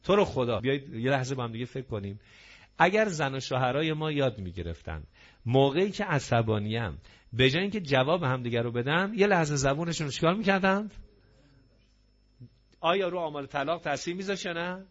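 This expressive, mid-range male voice belongs to a preacher giving an emphatic religious sermon, full of rhetorical questions, to an audience in a gathering hall. The audio sounds dull and lo-fi.

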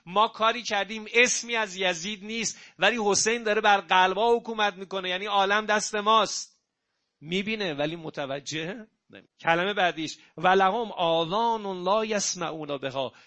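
A man preaching a sermon. He recites verses slowly, explains them in everyday speech, and tells stories that swing between hushed and loud. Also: high voice, steady tone. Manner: storytelling with dramatic shifts between soft and loud.

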